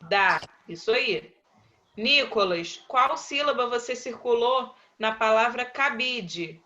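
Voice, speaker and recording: Uma professora brasileira dando aula online, chamando os alunos pelo nome e repetindo as respostas com paciência. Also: female voice, on the high side, lively intonation, pushed and bright, muffled recording. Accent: Brazilian Portuguese. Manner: patient, slow, calls on pupils by name and repeats answers. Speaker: primary school teacher. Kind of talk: online class, quizzing pupils.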